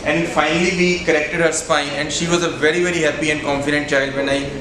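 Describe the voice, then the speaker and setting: A man's voice: a little high, flat delivery, fast, noisy background. Echoey, distant Indian man lecturing. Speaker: spine surgeon giving a lecture. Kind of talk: medical conference presentation. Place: hotel banquet room, indoors. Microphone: handheld microphone, heard through distant camera. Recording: echoey room from afar, audience murmur.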